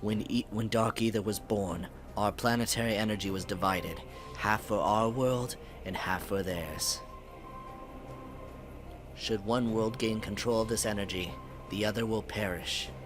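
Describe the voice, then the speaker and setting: A man voicing a solemn male alien sentinel in a video game, reading slowly and gravely. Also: on the low side, steady tone, music in the background, close to an everyday voice. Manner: slow, measured, grave delivery.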